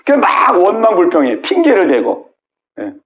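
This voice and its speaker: Animated high-voiced Korean pastor preaching. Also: male voice, moderate pace, lo-fi sound. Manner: repetitive call-and-response with frequent "예?". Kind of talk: sermon. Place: church sanctuary.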